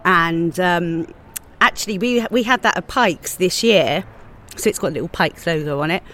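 A woman chef chatting casually outdoors as a podcast guest, lively and prone to laughing. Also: lowish voice, moderate pace. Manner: chatty, animated, with frequent laughs. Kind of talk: casual chat. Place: outdoors on church steps.

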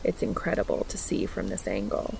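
A woman voicing a gentle adult man who speaks low, quiet and close, reading a storybook. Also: sing-song, a little fast, vocal fry, a little hiss or hum, heavily acted. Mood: soft, reassuring. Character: gentle, soft-spoken adult man on a date.

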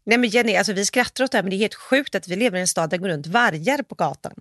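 A woman's voice: medium pitch, no room sound, studio quality. A woman in casual chat with a friend, telling a story vividly and acting out what people said. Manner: animated storyteller who acts out quoted speech. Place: abroad in a city with coyotes.

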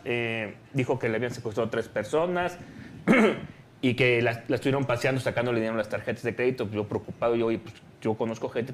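A man's voice: medium pitch, slight background noise. Mexican man telling a story with voices. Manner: acts out quoted dialogue, slangy and joking. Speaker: guest. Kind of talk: animated storytelling on a talk show.

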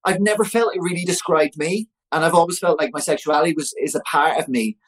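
A man in his forties, a podcast guest telling a personal story in a chatty, animated way full of fillers. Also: a little high, quick pace, poor audio. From Ireland. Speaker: interview guest.

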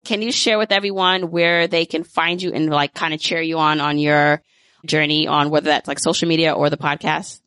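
This thirty-something podcast host is cheerful and conversational during a casual interview and closing, leaning heavily on "like." Her voice is low, smooth, steady, and a touch bright, delivered at a moderate pace without echo.

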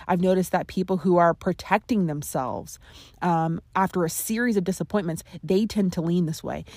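A woman's voice: mid-range voice, no room sound. A young adult woman hosting a podcast, talking earnestly and conversationally with playful emphasis. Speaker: podcast host. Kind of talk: solo podcast talk.

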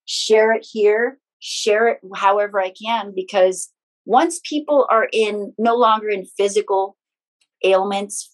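A woman speaking as an interview guest and healing practitioner, explaining things conversationally in halting steps with restarted phrases. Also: medium pitch, poor audio.

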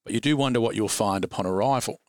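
Chuckling dungeon master. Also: male voice, lowish voice, quick pace, dry recording. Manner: relaxed, chuckling, rambling asides. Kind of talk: narrating a tabletop game.

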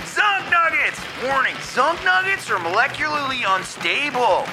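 Guy doing a loud cheesy ad announcer, gravelly, music behind. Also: animated, measured pace, full character voice, poor audio. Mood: hyped. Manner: shouty, overblown sales pitch. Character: hyped male commercial announcer. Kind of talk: spoof radio ad.

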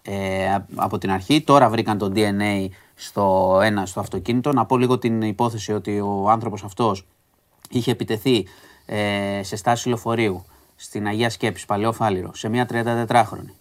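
A man's voice: fairly low pitch, fairly even intonation. Chatty man recapping the news. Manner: chatty, recaps news stories with asides and hesitations. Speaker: podcast host. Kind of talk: casual news chat with a co-host.

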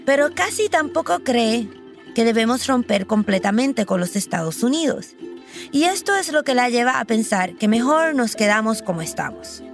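A woman's voice: on the high side, big pitch swings, normal speed, gravelly, faint music behind. Woman narrating a documentary. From Puerto Rico. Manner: personal, reflective storytelling. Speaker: podcast host and narrator.

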